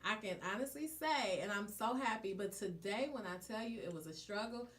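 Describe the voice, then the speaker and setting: A woman co-hosting a podcast, telling stories in a chatty, animated way with casual slang. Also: mid-range voice, brisk. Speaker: podcast co-host. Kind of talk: casual chat.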